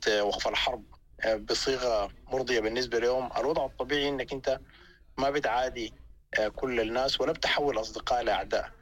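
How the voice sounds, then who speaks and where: A man from Sudan with a Sudanese accent giving spontaneous political analysis as an interview guest, often halting and repeating words as he searches for phrasing. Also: mid-range voice, fairly bright tone, poor audio.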